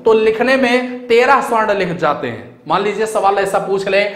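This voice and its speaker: Male tutor, high voice, patient step-by-step explainer, recorded in a reverberant room. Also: expressive, moderate pace, fairly bright tone. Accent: Hindi, North Indian. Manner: explanatory, repeats key words, asks and answers own questions. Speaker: teacher. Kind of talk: exam-prep grammar lecture.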